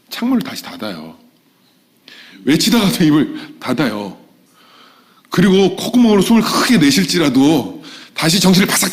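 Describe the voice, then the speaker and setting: A middle-aged man preaching a sermon with a lively, swooping pitch that climbs into raised exhortation and drops to soft, low asides. His voice sits a bit higher than most men's. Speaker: pastor.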